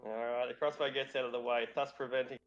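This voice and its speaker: A man's voice: mid-range voice, fast. A man narrating a tabletop game as game master, easygoing and jokey, with casual swearing. His voice sits in an ordinary middle register. The audio is dull and lo-fi, with faint music underneath. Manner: relaxed, joking, swearing freely.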